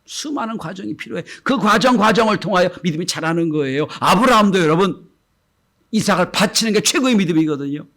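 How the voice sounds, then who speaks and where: Korean pastor preaching, voice swinging soft to loud. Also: male voice, high-pitched, lively intonation, brisk, creaky. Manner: acts out gentle quoted speech, swings between soft and loud. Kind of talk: sermon.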